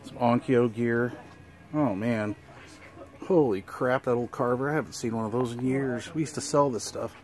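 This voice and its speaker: A man's voice: medium pitch, moderate pace, darkish tone. A man in his fifties filming a casual vlog while walking through a record store, exclaiming with enthusiasm over the old gear. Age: 50s. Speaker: vlogger. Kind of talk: casual handheld shop tour vlog.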